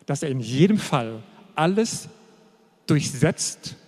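A man preaching a sermon, emphatic and repetitive, slowing down to stress key phrases. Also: a little high, very animated, a little mellow. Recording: long hall reverb.

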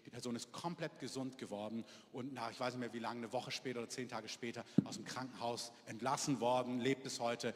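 A man's voice: mid-range voice, fairly even intonation, fairly quick, few pauses, slight background noise. A man preaching a conversational sermon in a large church hall, often asking the congregation rhetorical questions. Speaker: pastor. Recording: live hall recording with long reverb.

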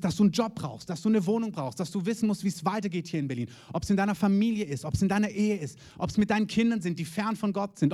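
A man preaching a sermon in a slightly high voice. He talks with emphasis, stacks up repeated phrases and calls out to the congregation. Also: a little mellow. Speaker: pastor. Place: church in Berlin.

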